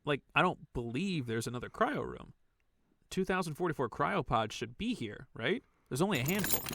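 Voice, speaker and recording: A man's voice: a little high, very animated, moderate pace, creaky, a bit bright, heavily acted. A man playing a conscientious, cautious and inquisitive salvage worker in a science fiction audio drama. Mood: uneasy.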